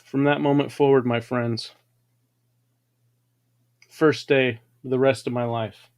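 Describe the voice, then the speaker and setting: Slow, dramatic man preaching to his chat. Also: medium pitch, little pitch movement, clear, resonant tone. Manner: dramatic, preachy, tall-tale boasting. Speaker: livestream host. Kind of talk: grandiose motivational storytelling.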